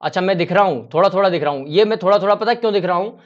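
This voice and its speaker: Male engineering tutor, high-pitched and chatty, laptop mic, lo-fi sound. Quizzes himself as he explains. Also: rapid-fire. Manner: chatty, asks and answers his own questions. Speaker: civil engineering teacher. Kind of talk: casual online lecture. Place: home room during a power cut. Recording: slightly dull lo-fi audio.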